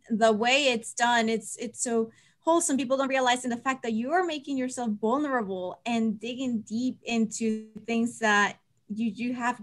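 A woman in her twenties, an amateur stage actor, talks casually and personally during a panel on a video call from an indoor room. Her voice is fairly high and fairly bright in tone, and she sounds earnest and heartfelt.

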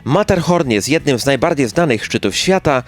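A man's voice: mid-range voice, lively intonation, normal speed. A man reading a scripted local news narration in speech, as a chronicle announcer. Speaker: newsreel narrator. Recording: music bed behind the voice.

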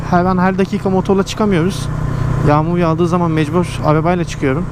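High-voiced man talking inside a motorcycle helmet. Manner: slangy, exclamatory. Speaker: motorcycle vlogger. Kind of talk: casual riding commentary. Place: outdoors, riding a motorcycle through traffic. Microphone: microphone inside a motorcycle helmet. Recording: loud motorcycle and wind noise.

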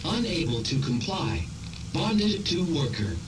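A slow, glitching computer assistant. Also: male voice, on the high side, background noise. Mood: calm glitchy. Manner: calm, polite, stuttering repeats. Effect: malfunctioning computer voice. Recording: distant voice with music behind.

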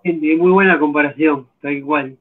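A man's voice: a little high, steady tone, measured pace. Man on a tinny call. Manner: thoughtful, agreeable, hesitant restarts. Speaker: guest drummer. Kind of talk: interview answers over a video call. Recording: tinny phone-like video call audio.

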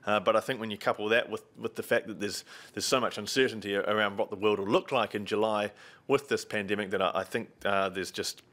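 A man's voice: on the low side, fairly even intonation, quick pace, fairly bright tone. A man in his thirties with a New Zealand accent, presenting and interviewing conversationally as a sports host. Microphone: desk microphone close in front, video call.

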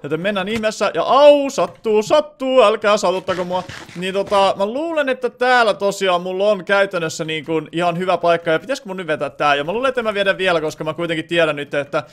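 A young Finnish man talking through a game session out loud, thinking aloud with lots of filler sounds. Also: high-pitched. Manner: bursts into loud excited shouting. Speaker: gaming channel host. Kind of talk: Let's Play commentary.

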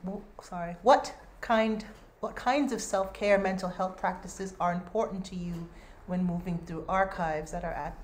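A woman moderating a video-call panel, reading out a question and answering it herself, halting and restarting often. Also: on the low side, steady tone. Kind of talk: online panel discussion. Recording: echoey room, faint noise.

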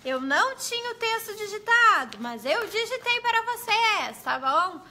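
A woman explains classroom activities to other teachers in a friendly, conversational way. Her voice sits high and sounds bright and clear. She keeps checking in with her viewers as she goes. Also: big pitch swings, normal speed. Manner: chatty, explanatory, addresses viewers as gente. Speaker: pedagogue.

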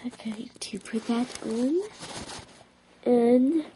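A woman chatting playfully as she dresses up toys, now and then dropping into soft whispered asides. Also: on the high side, drawn-out words, a little hiss or hum. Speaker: toy dress-up vlogger. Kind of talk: casual playful chat.

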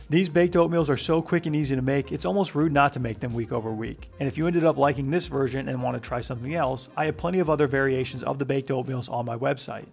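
A man giving a scripted recipe voice-over as a cooking channel host, with brisk, matter-of-fact instructions. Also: mid-range voice, vocal fry.

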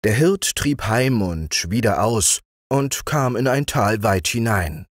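A man reading fairy tales aloud as a bedtime audiobook, in a slow, expressive storytelling manner. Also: lowish voice, dry recording, studio quality. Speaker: audiobook reader. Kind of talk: bedtime fairy-tale narration.

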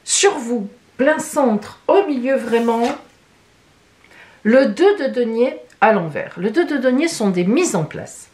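Animated woman reading tarot. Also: fairly high pitch, slow. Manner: animated, emphatic, with many "hein" asides. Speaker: tarot reader.

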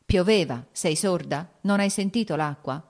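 A woman's voice: on the low side, measured pace, darkish tone. A woman voicing an irritable, evasive nobleman husband in an audiobook reading. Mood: snapping. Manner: irritable, snapping. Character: curt, evasive nobleman husband, quick to shout.

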